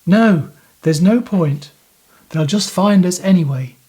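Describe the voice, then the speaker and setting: A man voicing a patient, kindly male magic mouse in a children's story, his voice pitched well above his own. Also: animated, slow, warm tone. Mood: explaining.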